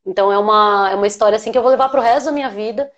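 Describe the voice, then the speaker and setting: A woman with a Brazilian Portuguese accent, an aromatherapist hosting a live chat, talking in an animated, emotional way. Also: medium pitch, racing, lo-fi sound. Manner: animated, emotional, laughs while telling. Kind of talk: casual live chat storytelling.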